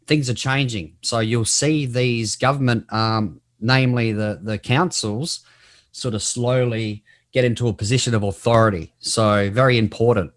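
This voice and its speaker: A man hosting a casual discussion in a blunt, colloquial, opinionated way. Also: medium pitch. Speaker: host.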